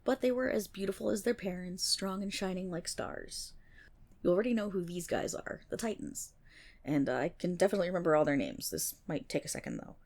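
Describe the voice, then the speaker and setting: In an ASMR roleplay, a woman plays a nerdy best friend who teases and rambles through mythology. Her lowish voice is playful and wry, with dramatic pauses and animated, dry asides.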